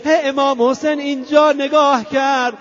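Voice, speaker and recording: A man reciting a chanted mourning sermon at a religious gathering, moving between speech and a half-sung lament with drawn-out wails. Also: very high voice, flat delivery, a bit bright. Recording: dull lo-fi recording.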